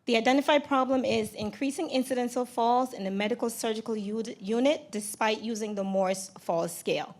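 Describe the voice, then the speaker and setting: A nervous woman with a raspy, cold-roughened voice gives a conference presentation into a handheld microphone, in a halting, hesitant way. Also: fairly high pitch, darkish tone. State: raspy voice from getting over a cold. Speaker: nurse presenter. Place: lecture room at a podium, indoors.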